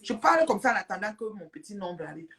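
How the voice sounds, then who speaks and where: A chatty woman talks casually on a live stream, greeting and thanking her viewers between bursts of laughter. She speaks straight into a phone or webcam, with a relaxed, conversational flow. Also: medium pitch, quick pace.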